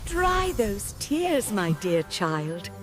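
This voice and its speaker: A woman's voice: mid-range voice, big pitch swings, extremely slow. A woman voicing a kindly older fairy godmother who coos and soothes in a theatrical storybook manner, with music playing behind her. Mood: gentle. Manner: warm, cooing, theatrical. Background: orchestral music.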